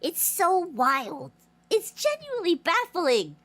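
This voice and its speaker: A game streamer with a very high-pitched voice talks slowly in casual livestream chat. Congested and nasal, she tells a rambling, animated story, restarting many times.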